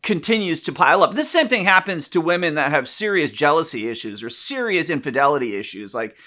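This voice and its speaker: A man co-hosting a candid conversation about relationships, talking in an animated, profane way with loud bursts of emphasis. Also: a little high, a little fast. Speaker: podcast co-host, therapist.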